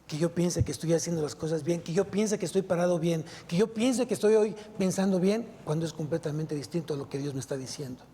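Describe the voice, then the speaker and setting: A male pastor delivers a sermon with a high-pitched yet mellow voice. He presses his listeners with emphatic rhetorical questions as he preaches. The sound rings with the long reverb of a church hall. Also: fast talker, hardly any pauses, slight background noise. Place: church sanctuary.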